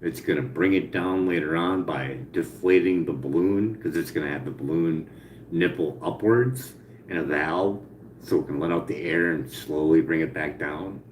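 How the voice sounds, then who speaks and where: A man with a low voice talks casually, circling back over his words and cursing freely. His articulation is softened by missing teeth. The room echoes, with faint noise underneath. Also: normal speed. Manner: rambling, repetitive, profane. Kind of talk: casual spoken brainstorming to an AI chat. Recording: roomy echo, faint background noise.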